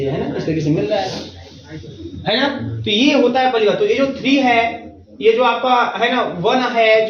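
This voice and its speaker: A man with a high voice teaches a math class. He walks through each step slowly and keeps asking if everyone is following. He sounds echoey and set back from the mic, and the recording is a little dull. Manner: reassuring, repeats checks like "theek hai na". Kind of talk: classroom lecture. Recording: roomy, distant, dull recording.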